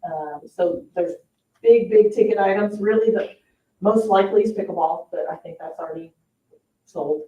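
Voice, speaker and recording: Speaking at normal speed with a warm, medium-pitched voice, a parks staff woman gives informal, somewhat hedged explanations at a public board meeting. The indoor room sounds echoey through a distant, dull microphone.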